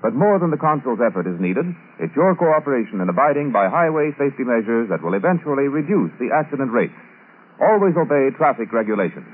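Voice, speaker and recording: A man's voice: mid-range voice, sing-song, fast talker, breathy edge. A man reading a persuasive scripted radio announcement in 1940s style, heard from an old broadcast disc. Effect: old broadcast disc sound. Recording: tinny, narrow-band old radio transcription.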